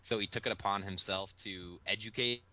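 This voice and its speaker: A man's voice: on the low side, steady tone, brisk, lo-fi sound. A man co-hosting a podcast from home over an online call, rambling and searching for words while his choppy audio keeps breaking up. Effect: choppy internet call audio breaking up. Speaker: podcast co-host. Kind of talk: casual chat reviewing a film. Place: at home, calling in remotely.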